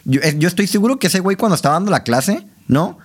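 A man's voice: sits high, fast talker, husky. A man with a Mexican accent, a director and teacher, talking casually as a podcast guest, full of slang and "¿no?" tag questions. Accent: Mexican Spanish. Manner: animated, slangy, many fillers and tag questions.

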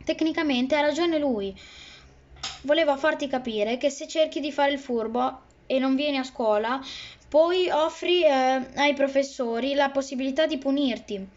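A woman's voice: sits high, moderate pace, darkish tone, dull audio, natural voice. A woman voicing a prim know-it-all schoolgirl who lectures her friend. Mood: lecturing.

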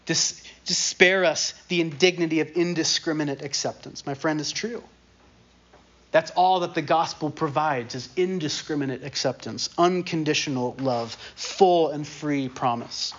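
A man's voice: on the high side, normal speed. A man preaching a sermon in a casual, conversational way, repeating key phrases for emphasis. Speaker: pastor. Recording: dull lo-fi sermon recording.

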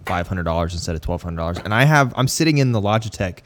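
A man hosting a casual podcast with a slightly low voice, upbeat and laughing easily. He talks in loose, rambling asides as he chats with his co-host and guest. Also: lively intonation, fast.

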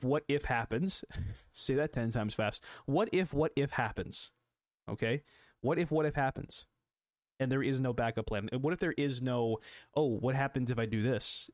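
Recorded at studio quality with no room sound, this podcast host is a young adult man speaking in a mid-range voice. On his solo motivational show he coaches his listeners, leans on repeated phrases, and asks rhetorical questions.

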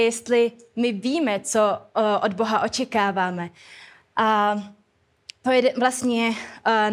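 Casual, hesitant woman preaching a sermon. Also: a little high. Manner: conversational, with frequent hesitations and colloquial phrasing. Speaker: preacher at a church service. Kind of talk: informal sermon with a spoken prayer.

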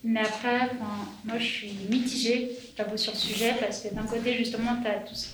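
A woman's voice: fairly high pitch, little pitch movement, moderate pace, background noise. Young woman, conversational, distant mic, roomy sound. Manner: thoughtful, conversational, uses filler words. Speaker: youth group leader. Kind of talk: casual roundtable discussion.

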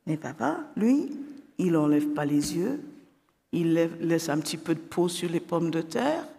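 Slow gravelly storyteller in a reverberant hall. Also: medium pitch, animated, warm tone. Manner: hesitant, with frequent fillers.

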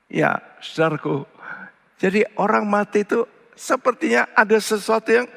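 A man preaches, unhurried and gravelly. He stretches his words out and jumps high in pitch when acting out his stories. A long reverb from the church hall trails behind every phrase. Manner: slow, swooping into high animated voices for anecdotes. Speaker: pastor. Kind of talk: sermon.

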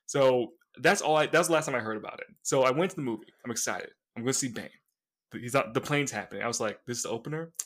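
A man's voice: medium pitch, quick pace. A young man co-hosting a casual comics podcast, telling stories with lots of energy. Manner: animated storyteller, does mocking voices. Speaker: podcast co-host.

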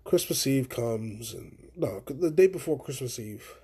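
A young man hosts his own podcast, talking through a story in loose, profane slang. His voice has a gravelly fry and a deeply husky, raspy texture. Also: expressive, a little slow, mellow. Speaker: podcast host. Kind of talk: casual solo podcast chat.

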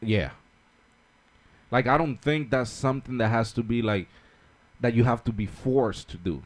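A man's voice: mid-range voice, moderate pace. Man, co-host, casual chat, jokey, laughs a lot, slang. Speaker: podcast co-host.

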